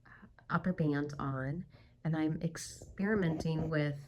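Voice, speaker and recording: A sewing vlogger talks casually to her viewers while she sews, calling them "my darlings" and explaining her progress in a chatty way. She is croaky from a cold. Her voice is low-pitched, steady and a little mellow, at a measured pace.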